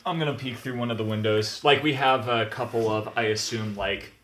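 A man playing a tabletop game, animated and playful. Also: mid-range voice, brisk, echoey room, background noise. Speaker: player.

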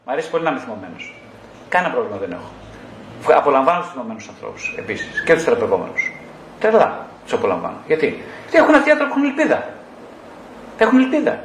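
Blunt animated male psychotherapist, echoey room. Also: medium pitch, long pauses, a little hiss or hum. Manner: blunt, lively, mockingly scolding; addresses listeners directly, with rhetorical questions. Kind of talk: talk to a group.

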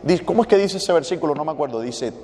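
A man's voice: on the high side, expressive, fast talker, mellow. A man preaching a conversational sermon in a church, acting out pleading prayers and a stern divine rebuke. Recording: long reverb of a church hall.

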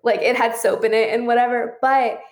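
A woman's voice: fairly high pitch, steady tone, fairly quick, echoey room. A woman in her twenties, a podcast guest telling frank, casual stories full of filler words and swearing, over a video call. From St. Louis area. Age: 20s. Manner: candid storyteller, swears freely, many "like" fillers. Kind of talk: casual chat.

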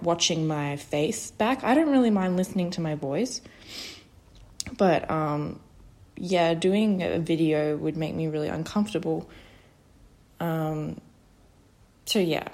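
Nervous, slow-talking young woman podcaster. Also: low-pitched, mellow. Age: 20s. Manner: nervous, many fillers and restarts. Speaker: podcast host. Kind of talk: casual solo podcast talk.

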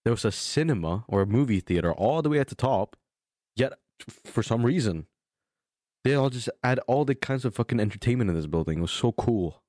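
A man's voice: medium pitch, expressive, brisk, a little mellow, dry recording, clean studio sound. A young man chatting casually as a podcast co-host, telling stories in bro-ish frat-boy slang with plenty of swearing. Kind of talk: casual chat, storytelling.

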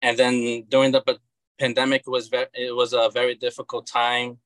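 In a dry space with no echo, a thirtysomething Brazilian man speaks briskly with a Brazilian Portuguese accent, his mid-range voice bright and forceful. He's a comic book creator appearing as a guest in a relaxed interview chat. He hesitates a lot, repeating words and restarting his sentences often.

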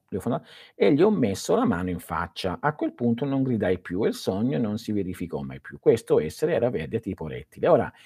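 A middle-aged man hosting a livestream, reading out viewer questions and answering them in an animated, chatty way that often restarts mid-sentence. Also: fairly low pitch, husky, no room sound, studio quality. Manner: animated, repeats and restarts, talks to viewers directly. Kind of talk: casual esoteric livestream talk.

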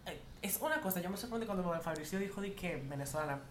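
A man's voice: high-pitched, lively intonation, fast talker, fairly bright tone. A man hosting a casual podcast in a campy, playful way, calling people "my love". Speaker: podcast host. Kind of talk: casual chat. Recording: echoey room, faint noise.

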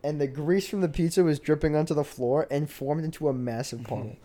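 A young American man with a relaxed, mellow voice that sits a little high for a man. He chats casually and slangily, like banter among close friends. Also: brisk. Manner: slangy, bro-heavy banter. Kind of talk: casual chat.

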